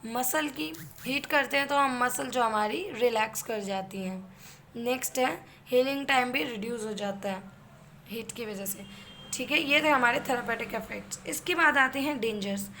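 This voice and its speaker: Speaking at a moderate pace, this woman has a bright, forceful voice on the high side and an Indian accent. As a physiotherapy instructor, she blends Hindi and English in a step-by-step lecture, raising questions and answering them. A little background noise is present.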